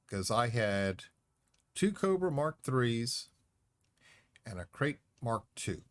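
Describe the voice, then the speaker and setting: A man's voice: medium pitch, very animated, takes it slowly, no room sound. A man streaming a space game, chatting casually and talking back to the game. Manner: rambling, talks back to the game. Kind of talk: casual chat while playing.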